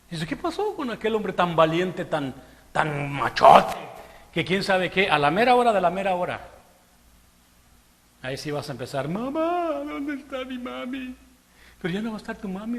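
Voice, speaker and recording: High-voiced man preaching in a reverberant hall. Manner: emphatic, conversational preaching with quoted voices. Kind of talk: sermon. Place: church hall.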